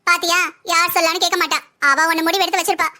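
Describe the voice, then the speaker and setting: Woman doing a bossy, sharp-tongued sister-in-law. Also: very high-pitched, flat delivery, racing, heavily acted. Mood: scolding. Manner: taunting, scolding. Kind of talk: cartoon story voice acting.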